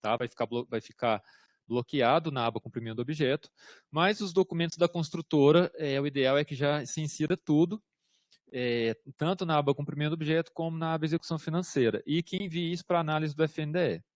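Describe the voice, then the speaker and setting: A man's voice: fairly high pitch, fairly quick, no echo. A man from Brazil answering questions in an online workshop, explaining in an informal way with lots of fillers and check-ins. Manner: informal, repeats "tá?" and hesitant fillers. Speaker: government systems instructor.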